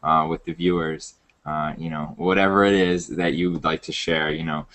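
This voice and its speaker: A man's voice: rumbling low, fairly even intonation, normal speed, fairly bright tone. A man hosting a casual online interview, talking with many fillers and restarts. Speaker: interview host.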